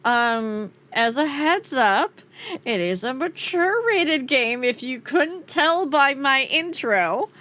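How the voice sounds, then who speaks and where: Bright, cutesy woman livestreamer. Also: fairly high pitch. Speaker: streamer, host. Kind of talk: chatty livestream game commentary.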